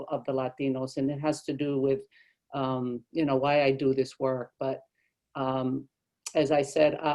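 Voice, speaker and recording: Middle-aged arts director from Mexico, warm, halting roundtable speaker. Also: female voice, a bass voice. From born in Mexico, raised in Texas. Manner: warm, halting, with many restarts. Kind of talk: roundtable discussion.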